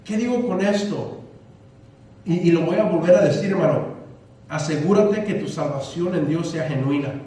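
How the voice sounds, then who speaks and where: High-voiced preacher in an echoey church. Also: male voice, moderate pace, warm tone, a little hiss or hum. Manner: preaching with emphatic repetition, addressing the congregation as brothers. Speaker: pastor. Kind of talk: sermon. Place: church sanctuary. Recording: echoey church hall, mic at a distance.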